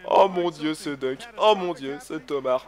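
Unhurried but excitable, a man with a fairly high-pitched voice provides live let's-play commentary on a basketball game. He eggs on his teammates, coaches them aloud, and scolds himself with curses when things go badly.

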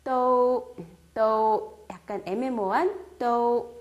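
A woman leads a language lesson with a fairly high voice and a slow, measured pace. She explains each point in a friendly, encouraging way and reads her examples aloud slowly and carefully. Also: steady tone, dull audio. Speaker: Chinese language teacher.

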